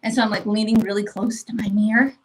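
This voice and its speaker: Poorly recorded, a woman in her thirties talks quickly in a mid-range voice during a casual home livestream she co-hosts, addressing a mirror by the window with candid, animated energy and cutting across others.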